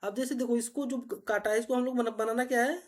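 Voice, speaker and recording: Patient woman teacher, a bit high. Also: steady tone, quick pace, a little mellow. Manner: patient, repetitive, checks understanding often. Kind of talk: explaining reasoning puzzles step by step.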